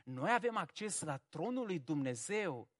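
A man preaching a sermon, humorous and animated, swinging from quiet reflection to loud emphasis. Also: a little high. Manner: animated and humorous, acting out biblical characters.

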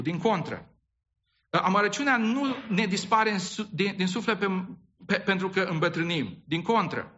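A man's voice: sits high, sharp tone, lo-fi sound. A man preaching a sermon as pastor, asking the congregation rhetorical questions and often repeating and restarting his words.

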